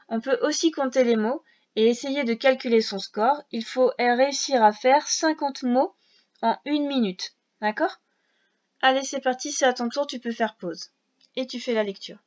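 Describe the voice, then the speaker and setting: A woman teaching a reading lesson to young children, patiently sounding out syllables and letters one by one. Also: fairly high pitch. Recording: dull lo-fi sound.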